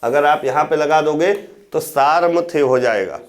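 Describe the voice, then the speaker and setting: A man giving a classroom lecture on Hindi grammar. He asks the class questions, answers them himself, and repeats words slowly to demonstrate how they sound. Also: on the high side. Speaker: teacher.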